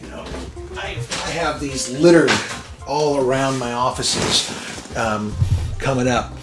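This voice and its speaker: A man's voice: mid-range voice, slow pace, music in the background. A man from Iran, hosting his own show in a casual, rambling monologue, full of fillers and restarts, with small chuckles between thoughts. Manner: rambling, filler-heavy, self-interrupting. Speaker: podcast host.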